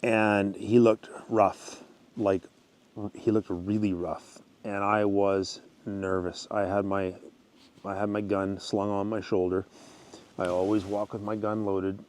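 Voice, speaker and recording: A man casually telling a wilderness story, rambling with fillers and restarts and clearing his throat often. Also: lowish voice, level tone, takes it slowly, darkish tone.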